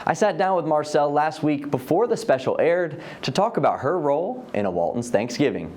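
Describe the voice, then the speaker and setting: A man's voice: on the high side, big pitch swings, brisk, a little mellow. A young adult man hosting a student show, enthusiastic and promotional as he interviews guests. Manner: enthusiastic, promotional sign-offs.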